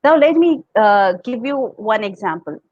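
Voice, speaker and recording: A woman's voice: on the high side, big pitch swings, normal speed, darkish tone, no echo, dull audio. Indian woman coaching public speaking. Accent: Indian English. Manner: explains step by step, demonstrates tones and laughs often. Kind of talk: teaching talk on public speaking.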